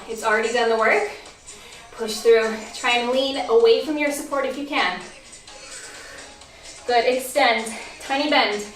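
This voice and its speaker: High-pitched barre instructor lady counting reps, kinda roomy and far from the mic, music low behind. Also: a bit bright. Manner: encouraging counted cues. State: losing her voice. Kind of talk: workout class cueing.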